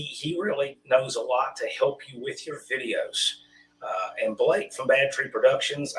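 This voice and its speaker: Hoarse, rusty-voiced man hosting a livestream. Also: medium pitch, a bit bright, recorded from a distance, a little hiss or hum, poor audio. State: hoarse from pollen. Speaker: host of a livestream workshop. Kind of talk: casual livestream chat. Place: remote studio.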